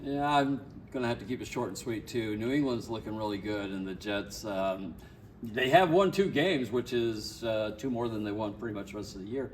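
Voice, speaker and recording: A man co-hosting a casual football chat, relaxed and matter-of-fact with a wry edge. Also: fairly low pitch, normal speed, a little hiss or hum. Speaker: co-host.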